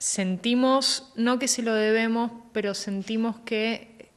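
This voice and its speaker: A woman, hosting a casual interview and asking gentle, reflective questions. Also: on the high side, fairly even intonation, takes it slowly.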